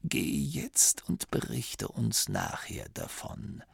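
A man's voice: lowish voice, huge pitch swings, gravelly, husky, dry recording, clean studio sound, exaggerated voice. A man voicing an ancient, mocking gnome abbot. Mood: quietly mocking. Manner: quiet, slow, dismissive.

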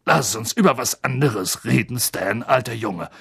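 A slow, grumbling older bus driver in a storybook, answering in short, heavy phrases, with an audiobook reader putting him on. He talks at an unhurried pace and keeps his lines curt and grim. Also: mid-range voice, animated, gravelly, fairly bright tone, husky, dry recording, studio quality, full character voice. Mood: gruff, grim. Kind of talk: audiobook character voice.

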